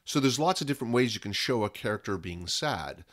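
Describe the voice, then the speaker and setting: Somewhat low and a little fast, this Canadian man's voice carries a lively casual interview, where he's a podcast guest and works as a film and content producer. He keeps restarting sentences and stacking up examples.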